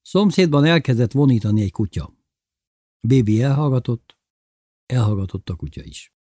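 A man narrating a story in a steady, measured audiobook reading. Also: mid-range voice, no room sound, clean studio sound.

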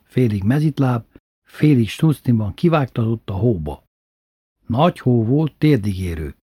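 Man, husky voice, dry wry storytelling, dead close sound. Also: medium pitch, dark tone, no room sound. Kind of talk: recited childhood memoir.

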